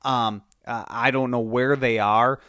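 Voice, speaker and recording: A man's voice: mid-range voice, steady tone, a little slow, a bit bright, dry recording. A man with a cold and a nasal voice, hosting casual sports talk commentary with many restarts. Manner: rambling, many restarts and fillers. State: congested with a cold. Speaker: podcast host.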